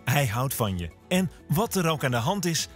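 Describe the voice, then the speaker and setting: A man's voice: medium pitch, big pitch swings, normal speed. A man voicing a scripted, reassuring introduction to a religious program. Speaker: program announcer. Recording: voice-over with music behind.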